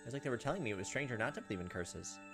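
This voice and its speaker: Over music, a man's mid-range voice races along with lively intonation. As a gaming video host, he moves between casual commentary on a game playthrough and reading its story text out loud.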